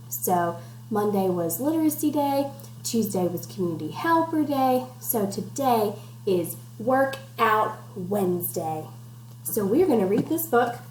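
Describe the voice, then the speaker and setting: Reading a picture book interactively to kids at home, a teacher with a medium-pitched, darkish voice prompts them with questions and instructions to keep them engaged. The indoor recording is echoey, with faint noise behind her.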